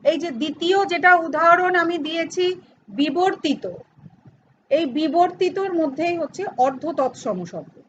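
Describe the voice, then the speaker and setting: A woman's voice: extremely high pitch, normal speed, a bit bright, lo-fi sound, a little hiss or hum. A middle-aged woman teaching a grammar lesson to students, explaining step by step and asking and answering her own questions. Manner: addresses students informally, teasing aside.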